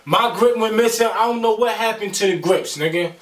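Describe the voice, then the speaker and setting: A high-voiced New York man keeps insisting he is innocent. He is defensive and repetitive. The room is echoey. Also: fairly quick, fairly bright tone, recorded from a distance. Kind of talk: improvised street drama acting.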